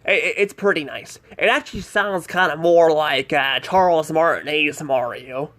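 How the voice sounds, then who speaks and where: Man, higher-pitched voice, casual rambling review, hesitant, lots of filler words. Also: moderate pace, a bit bright. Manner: rambling and hesitant, heavy on "like" and "I don't know". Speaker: cartoon episode reviewer.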